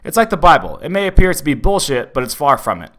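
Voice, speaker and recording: A man reading viewer comments aloud in a flat, matter-of-fact way. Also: a little high, quick pace. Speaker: comment reader.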